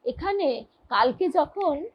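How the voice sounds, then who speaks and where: A woman reading devotional stories aloud and commenting on them in a measured, earnest way. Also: high voice, animated, highs cut off. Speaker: reader of devotional texts.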